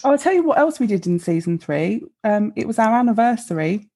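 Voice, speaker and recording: Husky-voiced woman, teasing co-host. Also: fairly high pitch, sing-song, fairly quick, dark tone. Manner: dry teasing, laughs often. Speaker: podcast co-host. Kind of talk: casual chat.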